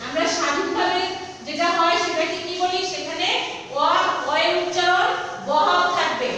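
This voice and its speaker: A woman teacher giving a grammar lesson, repeating words slowly and putting questions to her listeners. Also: very high-pitched, steady tone, pushed and bright. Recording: echoey room from far off with faint noise.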